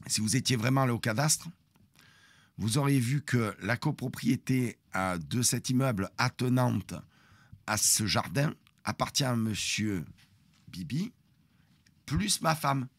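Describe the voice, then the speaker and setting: A man's voice: mid-range voice, a little slow, long pauses, husky, dry recording. A man telling a story on a live stream, acting out the confrontation dramatically. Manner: dramatic, animated retelling that acts out the confrontation.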